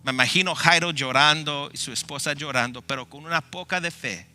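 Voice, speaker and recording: A male pastor preaching a sermon, telling the story dramatically and swinging between loud passion and hushed tones. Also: a little high, a little fast.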